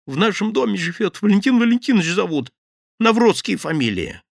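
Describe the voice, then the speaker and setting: A man voicing a terrified petty thief who babbles and begs in a high, gravelly voice. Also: very animated, fairly quick, no echo, studio quality, exaggerated voice. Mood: begging. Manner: frantic, babbling, begging.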